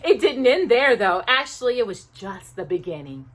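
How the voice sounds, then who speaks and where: A very animated woman with a high voice reads a children's book aloud as a storytime host. She is emphatic, using dramatic pauses and stressing key words, and drops in asides to a listener along the way.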